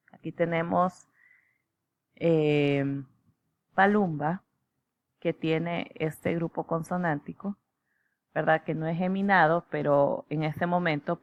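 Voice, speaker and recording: Woman lecturer, low gravelly voice, dry dull lo-fi recording. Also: no room sound. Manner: measured, explanatory, with fillers and "¿verdad?" checks. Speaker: teacher.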